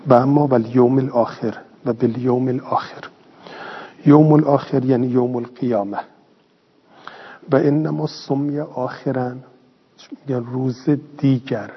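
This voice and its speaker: A man teaching a lesson who reads a phrase slowly, then explains it quickly in plain speech, asking and answering his own questions. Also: medium pitch, husky. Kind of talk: classroom lesson reading and explaining a text. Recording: lo-fi recording with long reverb.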